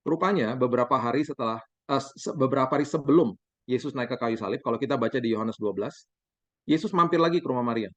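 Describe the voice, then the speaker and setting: A man in his forties, a pastor, preaching a sermon as lively stories, acting out the dialogue for the congregation. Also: mid-range voice, fast talker, no room sound. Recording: dull, dry sound.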